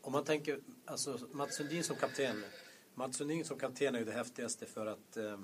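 A man's voice: medium pitch, background noise. A man co-hosting a podcast, talking earnestly about former teammates and searching for words as he goes. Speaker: podcast co-host, former hockey player. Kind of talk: casual chat.

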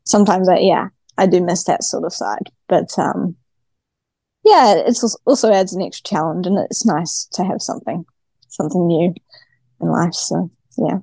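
A woman's voice: fairly low pitch, normal speed, vocal fry, mellow, husky, no echo. A woman with a broad New Zealand accent, chatting casually as a guest athlete in a podcast interview. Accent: broad New Zealand (Kiwi). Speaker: guest, professional cyclist.

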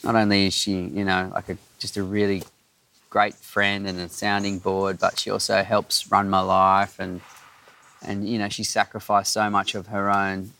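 A man speaks in a low, gravelly voice. He tells his story earnestly and from the heart in a casual group chat. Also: completely flat delivery, normal speed, pushed and bright. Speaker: guest.

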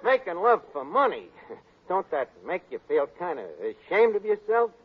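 An actor playing a brash, wisecracking, scheming tavern manager in a 1940s radio comedy. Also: male voice, high voice, big pitch swings, moderate pace, narrow, tinny audio, over a noisy crowd, heavy background noise. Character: fast-talking scheming male tavern manager. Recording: old radio broadcast with audience.

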